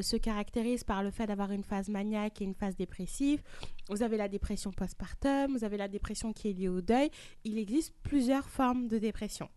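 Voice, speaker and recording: A woman hosting a group talk explains terms to a panel step by step, walking through definitions with everyday examples in a didactic way. Her voice is medium-pitched and mellow, with a clean tone and dry recording.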